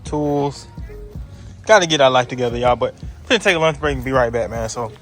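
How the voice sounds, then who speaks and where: Over faint background music in a low-quality recording, a young man with a medium-pitched, fairly bright voice talks fairly quickly to his phone camera outside. He's relaxed, keeps saying "y'all" and "man," and is removing the vinyl wrap from his Jeep.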